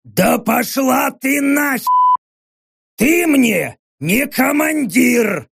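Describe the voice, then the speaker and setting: A man's voice: sits high, very animated, slow, vocal fry, husky, pitched above the performer's own voice, exaggerated voice. A man voicing a hulking, rowdy male orc soldier who bellows crude insults in an audiobook. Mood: defiant.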